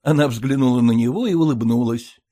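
A man reading a story aloud in a calm, even storytelling manner. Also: medium pitch, a little fast. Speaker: audiobook reader. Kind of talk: scripted narration.

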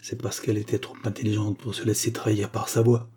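A man voicing a polite, composed gentleman who speaks in a measured way. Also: on the low side, little pitch movement, husky.

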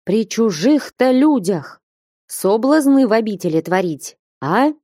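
A woman's voice: on the high side, big pitch swings, a little slow, mellow, no room sound. A woman reading aloud and voicing a stern, fiery old abbess who scolds and commands in a raised voice. Dry, close sound.

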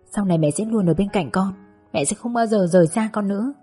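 Picture a tender middle-aged mother comforting her grown daughter, as voiced by a woman reading the story, her voice very breathy and hushed. The tone is mellow and warm, soft and soothing throughout. Faint music plays underneath. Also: mid-range voice, a little fast, natural voice.

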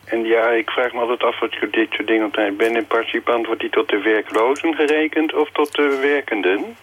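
A man's voice: mid-range voice, fairly even intonation, brisk, a bit bright, dull audio. Een man van in de vijftig uit Amsterdam die inbelt bij een radioprogramma en beleefd, wat hakkelend en van de hak op de tak vertelt. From Amsterdam, Netherlands. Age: 50s. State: calling in to a radio show. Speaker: caller. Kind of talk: casual chat.

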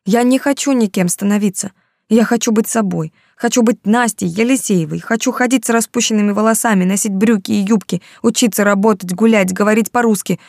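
A woman's voice: medium pitch, brisk, creaky, a little mellow, dry recording, clean studio sound, voice pushed up, natural voice. A woman voicing a desperate young heroine who longs for freedom and pleads in a raised, tearful voice. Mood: anguished.

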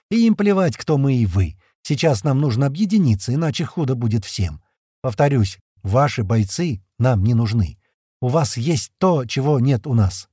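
A man reads a composed colonel from another world who pleads his case calmly. The husky voice stays warm and dry, and its pitch moves lively as he argues. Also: no room sound. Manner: measured, persuasive, level-headed.

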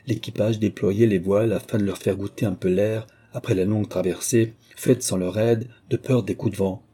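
Brief: male audiobook narrator, measured, dark, mellow timbre. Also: fairly low pitch, fairly even intonation, breathy edge. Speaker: audiobook reader.

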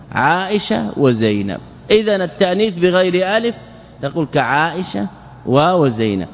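A man who is a scholar teaching Arabic grammar, reciting verse lines slowly and then asking rhetorical questions and answering them himself. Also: on the high side, long reverb tail. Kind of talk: lecture.

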